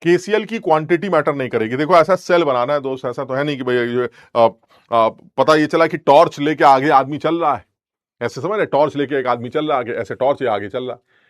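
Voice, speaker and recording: A man's voice: mid-range voice, brisk, no room sound, studio quality. A young male chemistry teacher, rambling and joking as he scolds his students playfully. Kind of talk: lecture with teasing asides.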